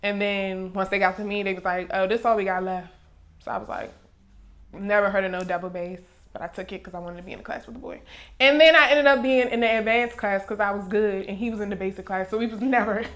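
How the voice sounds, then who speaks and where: A woman's voice: mid-range voice, quick pace. Young woman telling stories casually. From Maryland, USA. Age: 20s. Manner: relaxed storyteller, laughs easily. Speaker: music artist guest. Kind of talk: casual interview chat. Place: recording studio.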